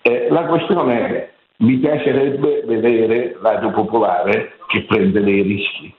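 An older man calling in to a live radio show over a poor phone line that sounds like speakerphone, speaking earnestly and critically with many halting fillers. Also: lowish voice, fairly even intonation. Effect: heard over a poor phone line, sounding like speakerphone. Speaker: radio call-in listener. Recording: tinny, echoey phone line.

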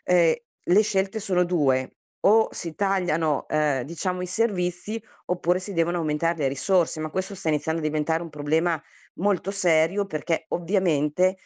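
A hoarse regional councillor explains funding policy in an interview, in a measured way with frequent hesitation fillers. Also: medium pitch, darkish tone, no room sound.

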